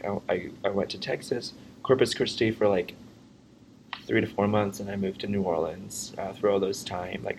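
Young male podcast co-host from Vietnam, low gravelly voice, casual halting telling, faint background hiss. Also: a little mellow, rough recording. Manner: halting, many fillers and restarts, laughs often. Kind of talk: casual testimony chat.

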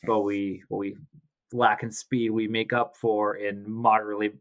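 A man's voice: fairly low pitch, flat delivery, normal speed. A man hosting a podcast from home with a sore throat, chatting casually, rambling and correcting himself as he jokes. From Canada. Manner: rambling, self-correcting, joking. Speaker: podcast host. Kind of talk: casual chat. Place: home, recording remotely. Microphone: home mic, video call.

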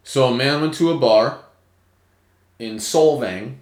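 A man's voice: mid-range voice, takes it slowly, darkish tone. A man co-hosting a podcast in playful, teasing, swearing casual chat. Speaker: podcast co-host. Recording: echoey room.

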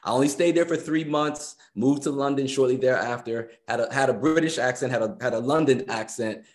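A talkative interview guest from the United States, around fifty and working as a personal trainer and musician, speaks briskly in a mid-range voice. He keeps the chat casual and repeats phrases to drive points home.

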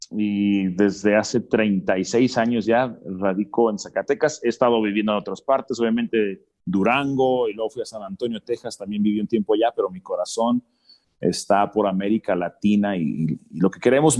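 A man's voice: fairly low pitch, darkish tone. A man from the United States, a guest telling his life story and laughing easily at jokes. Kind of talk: casual interview chat.

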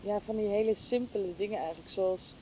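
A woman speaks a little fast in a dark tone, thinking aloud in a hesitant, searching way during a casual, reflective chat. She is an interview guest and podcast hostess. The low-quality recording carries a clear, low rumbling noise in the background.

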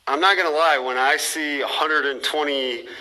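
Upbeat male podcast host, bright voice. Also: on the high side, fairly even intonation, moderate pace, rough recording. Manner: upbeat, repeats "awesome" and "perfect". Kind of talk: casual interview.

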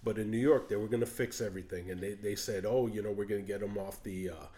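A man who is a podcast guest, telling his family's story in a casual, animated way and often repeating words as he gets worked up. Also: on the low side, fast talker.

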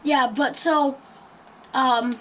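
A woman's voice: sits high, steady tone, extremely slow, a bit bright, a little hiss or hum, rough recording. A woman hosting a casual podcast chat, rambling through her story with lots of ums and likes. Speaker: podcast host.

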